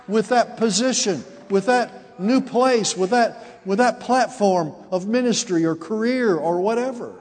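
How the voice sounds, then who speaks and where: The voice belongs to a man in his forties, a pastor whose high, slightly mellow tone carries through a big-sounding room. He preaches call-and-response, rising to emphatic peaks as he addresses the congregation.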